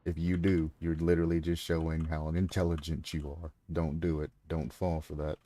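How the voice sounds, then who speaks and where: A man talking through his gameplay on a live stream, thinking aloud and throwing sarcastic asides at chat, clearing his throat now and then. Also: extremely low pitch, level tone, normal speed, dark tone. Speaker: game streamer. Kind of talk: casual gameplay commentary.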